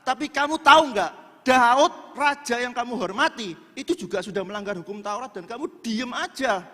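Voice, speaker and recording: A man voicing a grown male teacher who loudly rebukes religious leaders, stumbling over restarts as he goes, in an echoey church hall. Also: very high voice, moderate pace, exaggerated voice. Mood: reproachful. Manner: loud, reproachful, with stumbling restarts.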